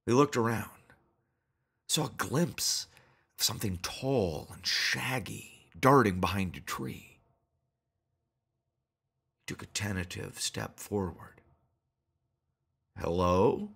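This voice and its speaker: Guy narrating a scary story, husky and low, real unhurried. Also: fairly bright tone. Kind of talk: scripted horror story narration.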